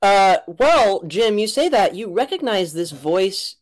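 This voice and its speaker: A woman narrating a tabletop game as game master, casual and halting as she thinks aloud. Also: mid-range voice, big pitch swings.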